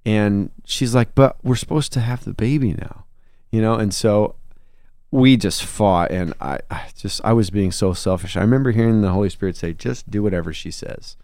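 A man's voice: fairly low pitch, moderate pace, darkish tone, clean tone, no echo, studio quality. A man, a songwriter and musician, in a conversational interview, telling a personal story in an earnest, reflective way. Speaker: guest.

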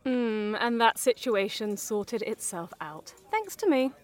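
A woman's voice: a little high, big pitch swings, takes it slowly. An actress playing a vain, self-important woman podcaster with a smug, haughty manner, in a fiction podcast drama.

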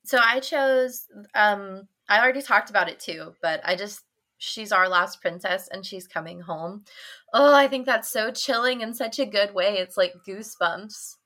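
A woman's voice: medium pitch, normal speed, pushed and bright. A young woman hosting a casual book discussion podcast, gushing and laughing often. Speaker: podcast host.

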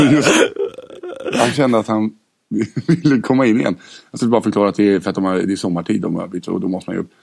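A man's voice: on the low side, fairly even intonation, creaky, a little mellow, slightly rough. Young guy cohosting a podcast, jokey, laughs a lot, swears offhand. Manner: joking, laughs often, swears casually. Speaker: podcast co-host. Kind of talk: casual chat.

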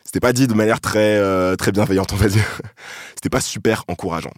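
A man from France hosting a podcast, telling a personal story in a reflective, thoughtful way with soft hesitations. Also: fairly low pitch, brisk. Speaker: podcast host.

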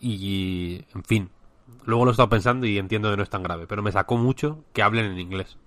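A man's voice: lowish voice, a little fast, a bit bright, dry recording. A man with a Spanish accent, co-hosting a casual chat and rambling with many restarts. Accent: Spain. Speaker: podcast co-host.

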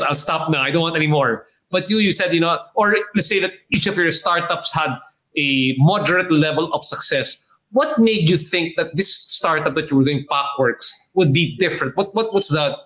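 A Filipino man hosting a podcast, with a bright, slightly high voice. He rambles in a friendly, chatty way and drops Filipino words into his English. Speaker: podcast host. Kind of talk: casual interview chat.

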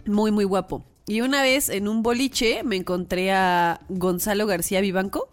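A playful woman with a Mexican accent chats casually as a podcast co-host. Her voice sits at an average pitch and often sinks to a hushed, gushing tone. Faint music plays behind her. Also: measured pace. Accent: Mexican Spanish. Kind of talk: casual chat.

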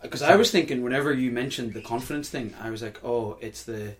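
A man co-hosts in casual conversation. He speaks very quickly, at a medium pitch. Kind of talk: casual chat.

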